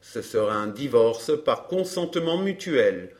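Guy reading a smug fake baron, smooth and teasing, never rattled. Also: mid-range voice, sing-song, a little slow, darkish tone. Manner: smooth, mocking, unbothered. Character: smug, scheming man posing as a baron. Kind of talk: audiobook drama reading.

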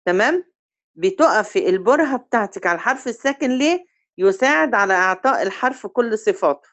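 Egyptian woman teaching recitation, drawn-out examples. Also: a little high, expressive, a bit bright. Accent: Egyptian Arabic. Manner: quizzes students and drawls example words slowly to demonstrate them. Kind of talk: tajweed review lesson.

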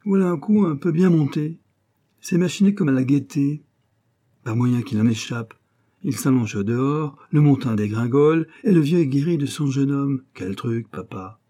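A man reading an audiobook and voicing a brash, greedy young street rascal who talks in a cocky, slangy, excitable way. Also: medium pitch, normal speed, pitched above the performer's own voice, lightly acted. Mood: excited.

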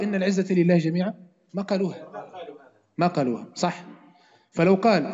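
Quick, fairly high-voiced male teacher, explaining to a class and repeating points. Dull, lo-fi recording. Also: a little mellow. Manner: repeats points, often checks if students understood. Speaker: Quran teacher. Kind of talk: classroom religious lesson.

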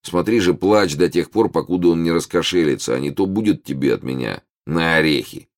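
A man's voice: low voice, fairly quick. A man voicing a cunning teenage beggar boy who mocks and bosses his companion, in an audiobook. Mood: scheming. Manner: sneering, lively, bossy. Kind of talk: audiobook character voice.

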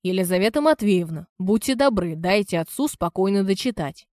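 A woman reading an audiobook, voicing a calm, ironic young man who speaks in a measured way. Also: mid-range voice, no echo, studio quality, lightly acted. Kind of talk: audiobook character voice.

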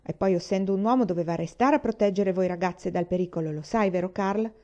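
A woman's voice: mid-range voice, fairly quick, dark tone, natural voice. A woman reading aloud, voicing a bossy older boy who hands down judgments in a sententious, lecturing way. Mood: stern. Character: bossy older boy, stern self-appointed judge.

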